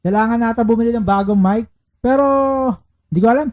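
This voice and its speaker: A male live-streamer with a warm, mellow tone that stays relaxed. He talks in a loose, casual way as he plays, reads out viewer shoutouts, and rattles off repeated betting calls. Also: very high-pitched, fast. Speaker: livestreaming baccarat player.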